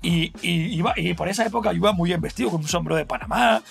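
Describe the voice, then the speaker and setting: High, gravelly Spanish man rambling animatedly. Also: quick pace, soft background music. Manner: rambling, animated, full of fillers and laughter. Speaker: guest telling an anecdote. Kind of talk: casual podcast storytelling.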